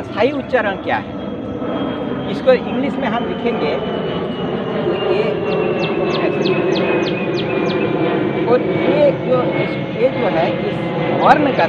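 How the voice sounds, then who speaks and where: Animated high-pitched male yoga teacher, off-mic. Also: recorded from a distance. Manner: earnest, explanatory, repeats key words. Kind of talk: spoken lesson on yoga. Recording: dull lo-fi sound with faint outdoor noise, off-mic.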